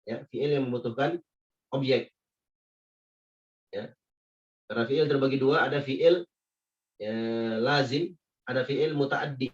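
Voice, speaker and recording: A man teaching Arabic grammar in a patient, repetitive classroom style, often checking in with a quick "ya". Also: mid-range voice. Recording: muffled lo-fi sound from a distance.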